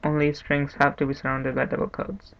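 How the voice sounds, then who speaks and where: Male tutorial host, monotone and unhurried, slightly higher voice, dull lo-fi mic with faint hiss. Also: creaky. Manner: monotone, unhurried, thinking aloud with restarts. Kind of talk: screen-recorded coding tutorial. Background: keyboard typing and clicks.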